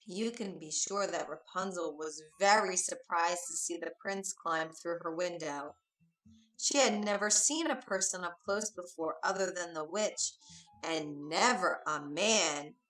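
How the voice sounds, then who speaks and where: A woman narrating a fairy tale for English learners, reading slowly, clearly and expressively. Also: fairly low pitch, fairly bright tone, rough recording.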